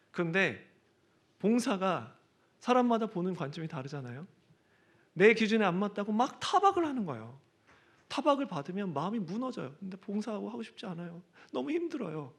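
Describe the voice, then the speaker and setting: A man delivering an emotional church sermon. His voice is husky and sits a little high, with a very lively, rising and falling pitch. He moves between ringing declarations and soft, hushed asides. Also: a little fast. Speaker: pastor.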